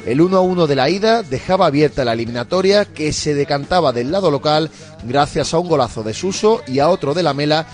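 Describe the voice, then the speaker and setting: A man's voice: fairly high pitch, lively intonation, brisk. A man from reading scripted sports documentary narration. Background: music bed.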